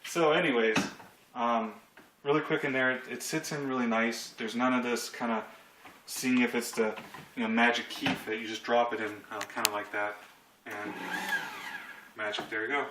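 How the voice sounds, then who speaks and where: Speaking at normal speed in a mid-range voice with fairly even intonation, a thirtysomething man offers casual, joking, rambling commentary while reviewing a product. He's indoors in his home kitchen, filmed on a handheld camera at short distance, and the echoey audio has clear noise and clicks.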